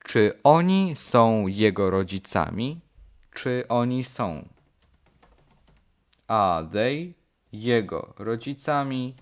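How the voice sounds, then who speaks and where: A man teaching English, slowly repeating short phrases in a lesson. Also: medium pitch. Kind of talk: slow language lesson drills.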